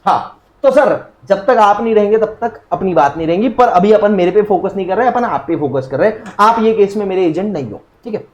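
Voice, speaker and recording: A young man with an Indian accent teaching a recorded law lecture in a lively, jokey way, acting out little dialogues between people. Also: high-pitched, fairly quick, roomy sound, muffled recording.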